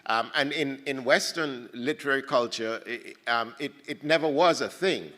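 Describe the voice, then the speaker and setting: Halting, thoughtful man in a reverberant hall. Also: mid-range voice, fairly bright tone. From Ghana. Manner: halting, many restarts, thoughtful. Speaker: panel speaker at a poetry festival. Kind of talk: reflective panel talk.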